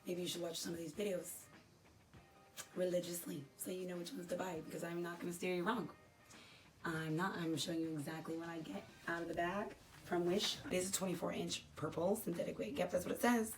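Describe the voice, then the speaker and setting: Woman, lowish voice, crackly dry throat, rambling self-deprecating vlog chat, faint music behind. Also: level tone, fairly quick. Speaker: unboxing vlogger. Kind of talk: casual unboxing chat to camera.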